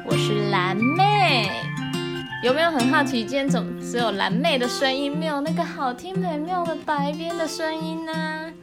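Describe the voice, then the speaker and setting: A woman's voice: sits high, brisk, few pauses, over loud music. A woman with a Taiwanese accent hosting a podcast in casual, playful, teasing chat. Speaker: podcast host.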